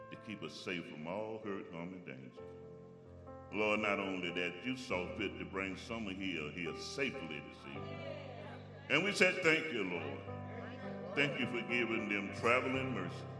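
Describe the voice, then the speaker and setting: A man leading a church congregation, first singing a slow, drawn-out gospel hymn, then speaking an offering prayer in a steady cadence. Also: deep voice. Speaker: church worship leader. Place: large church sanctuary. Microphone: far camera at back of sanctuary. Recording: echoey sanctuary with long reverb.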